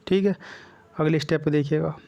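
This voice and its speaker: A man with a Hindi accent and a slightly high voice teaches a grammar lesson. He walks through each step at the board and repeats himself often, checking in with his students again and again. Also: fairly even intonation, brisk, gravelly, mellow, lo-fi sound. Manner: repetitive, checks in with "ठीक है" constantly. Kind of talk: whiteboard exam-prep lesson.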